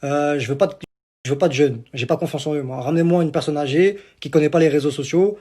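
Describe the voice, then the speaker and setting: A man's voice: fairly high pitch, quick pace, dark tone. A young man from Algeria ranting boastfully in a casual vlog, repeating himself and swearing oaths, recorded on a phone. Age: young adult. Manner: boastful, repetitive swearing on the Quran. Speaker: social media personality.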